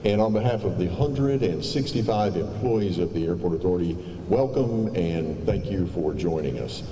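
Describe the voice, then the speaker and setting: A man giving formal, courteous public remarks as an airport official, in a measured but halting way. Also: deep voice, lively intonation. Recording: echoey hall, distant mic, background noise.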